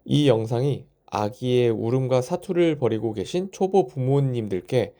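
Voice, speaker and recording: Young dad doing reflective vlog narration, soft mellow tone, man's voice. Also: medium pitch, animated, moderate pace. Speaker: new father narrating a parenting vlog.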